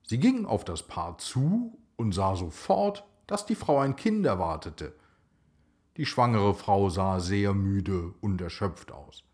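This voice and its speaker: Slow, low-voiced male storyteller. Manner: slow, expressive. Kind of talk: children's story narration.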